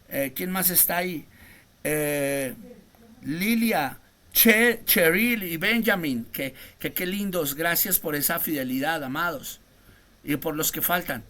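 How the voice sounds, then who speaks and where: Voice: medium pitch, pushed and bright. An apostle teaching a Bible class over a video call, preaching with fervor, asking the students rhetorical questions and calling on them by name. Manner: emphatic, calls on listeners by name, rhetorical questions. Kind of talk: fervent preaching lesson to students.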